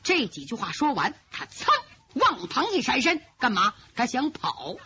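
A woman performing traditional pingshu storytelling, lively and dramatic, with vocal sound effects. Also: fairly high pitch, normal speed, a little hiss or hum. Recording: lo-fi muffled recording.

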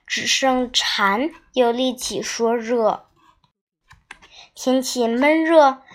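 A young girl reads a children's diary story aloud, leaning into every line with a dramatic storybook delivery. Her voice sits a little high, and she takes her time, stretching out words. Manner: expressive, dramatic storybook reading with drawn-out words.

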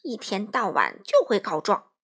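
A woman's voice: mid-range voice, wildly swooping pitch, unhurried, husky, heavily acted. A woman voicing a smug, bossy male wolf who bullies and threatens. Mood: bossy sneering. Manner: sneering, threatening.

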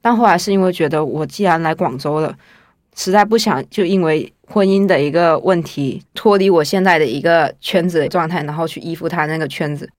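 A woman's voice: sits low, fairly quick, no room sound, studio quality. A woman in her twenties casually telling her own story in the first person, chatty and wry. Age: 20s. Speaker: guest storyteller.

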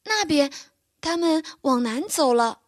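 A woman's voice: sits high, animated, unhurried, pitched above the performer's own voice. A woman voicing a timid little male reindeer calf who stammers and sounds tearful in a bedtime storybook.

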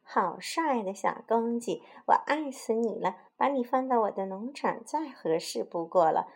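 A woman's voice: a little high, lively intonation, moderate pace, gravelly, a little mellow, pitched above the performer's own voice. A woman voicing a spoiled, imperious queen in a picture-book story, gushing and commanding.

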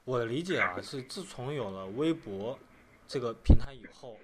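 A man's voice: medium pitch, lively intonation, normal speed, noisy background. A man hosting an interview podcast, asking probing questions and giving brief acknowledgments. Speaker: podcast host.

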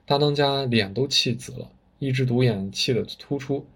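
A man's voice: medium pitch, moderate pace, a bit bright, slightly rough. A man telling a story with vivid, dramatic narration. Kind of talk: spoken storytelling.

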